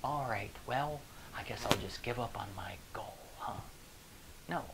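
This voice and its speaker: A man in his forties, a motivational speaker, talking straight to the camera in an animated, joking way, recorded on a lapel mic in a small room. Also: fairly low pitch, unhurried, very noisy. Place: small indoor room with a screen behind.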